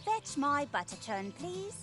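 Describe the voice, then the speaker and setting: A woman voicing a brisk, kindly, nosy hobbit countrywoman in a video game. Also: high voice, big pitch swings, sharp tone, faint music behind, exaggerated voice. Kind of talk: video game character acting.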